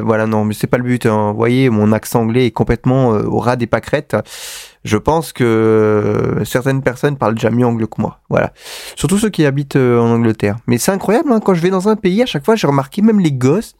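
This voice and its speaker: A man hosts a live web radio show in speech, talking off the cuff and poking fun at himself with lots of fillers. His voice sits somewhat high for a man. The sound is dry and close, with no room around it. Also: a little mellow, dry recording. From France. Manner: chatty and self-mocking, rambling with many fillers. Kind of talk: casual live radio monologue.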